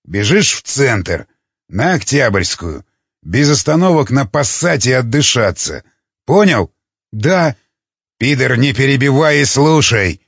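A brutal, enraged hunter snarls crude threats at his men, as a male audiobook narrator puts him on. The voice swings widely in pitch from low hisses to sharp barks. It sounds dry and a little dull, with no room around it. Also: expressive, takes it slowly, breathy edge, dry recording, full character voice. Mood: menacing.

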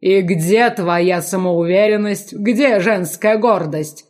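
A woman voicing a cruel, menacing middle-aged nobleman who mocks and threatens slowly. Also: mid-range voice, a little mellow, natural voice. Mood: mocking. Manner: slow, mocking, growled commands.

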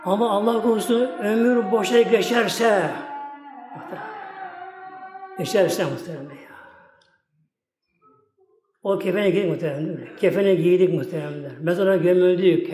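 A man's voice: sits high, fairly quick, pauses often, darkish tone. A man preaching a religious talk in a mosque, telling folksy stories in a rambling way and repeating his address to the congregation again and again. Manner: keeps repeating "my esteemed ones" and "like this". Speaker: Islamic preacher. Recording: echoey hall with long reverb, faint music.

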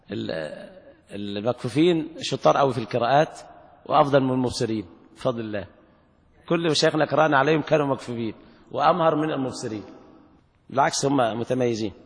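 A man teaching the rules of Quran recitation in a classroom lecture. He asks the class questions and slowly draws out words to demonstrate them. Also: mid-range voice. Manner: slow, drawn-out demonstrations of recitation. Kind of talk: classroom lecture explaining a text. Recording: long reverb of a large hall.

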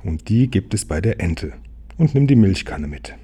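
A man's voice: low voice, very animated, moderate pace, mellow, breathy edge, exaggerated voice. A man voicing a lazy, cheerful little pig in a children's storybook, coaxing and sweet-talking.

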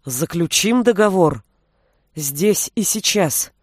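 A woman's voice: medium pitch, expressive, measured pace, no echo, studio quality. A woman voicing a male sorcerer in an audiobook, a stubborn bargainer who coaxes and pleads. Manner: coaxing, then shouting in despair.

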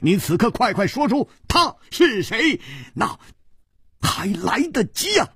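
A man's voice: high-pitched, big pitch swings, a little slow, bright, forceful tone, husky, no room sound, clean studio sound, pitched above the performer's own voice, exaggerated voice. A man voicing a bold young male hero who exclaims and presses questions urgently.

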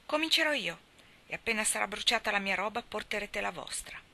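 A woman's voice: mid-range voice, expressive, brisk, creaky, sharp tone. A woman voicing a solemn, bossy little boy who plays a priest in a storybook reading, speaking in a commanding way.

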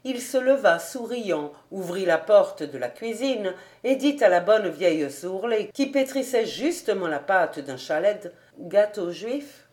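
A woman reads a classic novel aloud at a very unhurried pace. Her voice sits in a middle pitch, and her reading is measured and careful. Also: lively intonation, darkish tone. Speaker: audiobook reader. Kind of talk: scripted narration of a novel.

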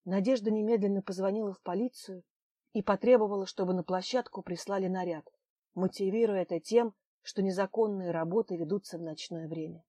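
A woman narrating a novel as an audiobook in an even, measured way. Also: mid-range voice, no room sound. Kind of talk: scripted narration.

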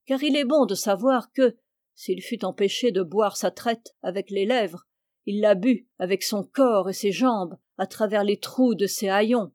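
Calm, stern young accuser, read by a woman; measured, dry sound. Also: medium pitch, no room sound, natural voice. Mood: accusing.

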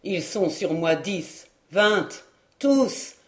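A reader voicing a steadfast, wounded gentleman captain in an audiobook, giving firm commands. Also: medium pitch, expressive, very slow. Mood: commanding. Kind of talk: audiobook reading.

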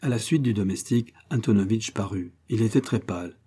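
A man reads an adventure novel aloud in steady, measured narration. His voice sits low and sounds dark and mellow, with a husky grain. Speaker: audiobook narrator.

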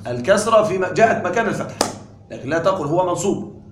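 A man with a high-pitched voice lectures a class on grammar, checking in with his students again and again and hammering each point home. The room adds a clear echo around him. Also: expressive, background noise. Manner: quizzes the class with frequent questions; repeats key points deliberately. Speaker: grammar teacher.

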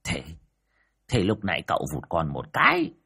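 A man's voice: deep voice, huge pitch swings, moderate pace, gravelly, bright, forceful tone, slight background noise, full character voice. A man voicing a joking, fretful old male village medium who pleads and banters. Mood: wheedling.

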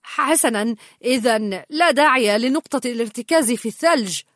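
A woman's voice: fairly high pitch, lively intonation, a little fast, fairly bright tone, no room sound, clean studio sound. A woman voicing a friendly young man in a storybook, reassuring and good-humored.

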